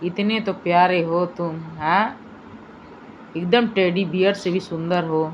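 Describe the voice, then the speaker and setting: A woman filming her pet dog, mixing cooing baby talk with sharp high commands. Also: slow, lo-fi sound, a little hiss or hum. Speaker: dog owner. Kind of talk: casual pet vlog.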